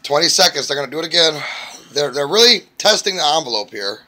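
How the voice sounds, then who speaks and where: A man's voice: a little high, sing-song, fast talker, bright, forceful tone. A man in his thirties talking casually to camera as host, in pain with his mouth burning from spicy food. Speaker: host of a pepper challenge video. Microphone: handheld phone. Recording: very noisy handheld phone recording.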